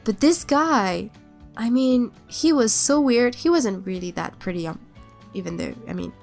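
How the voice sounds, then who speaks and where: Stuffy with a cold, a young non-native English-speaking YouTuber chats through a speed-build voiceover in a fairly high, expressive, gravelly yet slightly mellow voice. She's unhurried, rambling and hesitant with frequent restarts, over faint background music.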